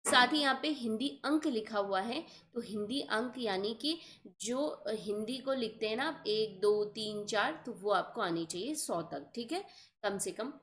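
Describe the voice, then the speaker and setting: A woman's voice: medium pitch, fairly bright tone. A young woman teaching an exam-prep grammar lesson, explaining patiently and often checking that her students follow.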